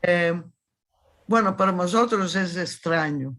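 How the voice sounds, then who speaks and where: A woman in her seventies from Thessaloniki, Greece, appears as a guest historian in a conversational interview. Her voice sits on the low side and is fairly bright, and she speaks slowly. With a Salonica Judeo-Spanish accent, she is emphatic and insistent and often restarts her phrases.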